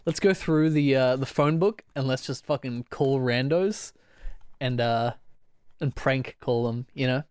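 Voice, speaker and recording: A man's voice: medium pitch, a little slow, a little mellow, clean tone, dry recording, clean studio sound. A young man co-hosting a podcast, telling stories in a rambling way, laughing often and acting out quoted voices. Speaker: podcast co-host. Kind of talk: casual chat.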